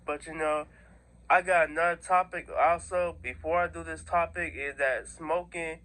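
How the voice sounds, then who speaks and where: An American man with a moderately high-pitched voice talks casually to his online viewers. He rambles through his opinions in loose, heavy slang, regularly checking that they are following along. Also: fairly even intonation, normal speed, pushed and bright, low-quality recording. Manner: slangy, repeatedly seeking agreement with listeners. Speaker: online video host.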